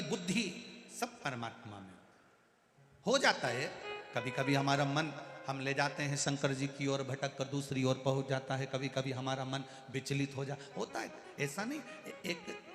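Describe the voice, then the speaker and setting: A man preaching a devotional story sermon, swinging between loud bursts and quiet phrases. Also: medium pitch. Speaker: katha preacher. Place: large religious gathering venue. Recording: echoey hall with long reverb.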